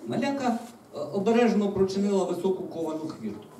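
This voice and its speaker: A man reading his children's book aloud to young listeners, with lively, expressive delivery. His voice is mellow and warm, and his pitch swings up and down widely. It sounds echoey and distant, with faint noise behind. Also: brisk. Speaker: children's author. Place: meeting room with children. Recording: echoey room, mic far off.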